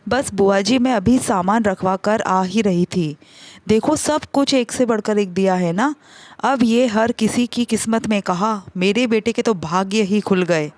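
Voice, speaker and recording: A woman's voice: mid-range voice, measured pace, a little mellow, no room sound, lightly acted. A woman voicing a greedy, complaining middle-aged mother-in-law who scolds and pities herself. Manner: scolding, self-pitying complaints.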